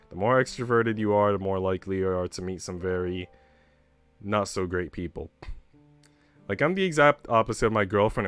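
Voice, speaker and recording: Deep, clear and resonant, this man's voice carries a livestream where he talks openly and casually to viewers, peppering it with some swearing. Background music plays throughout.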